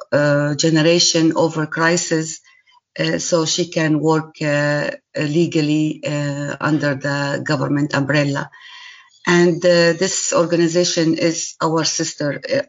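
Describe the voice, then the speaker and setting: A woman around sixty, telling her life story as a podcast guest in a halting way with many pauses. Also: sits low, highs cut off. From Syria, raised in Jordan. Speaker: guest, charity partner. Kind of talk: personal story in a podcast interview.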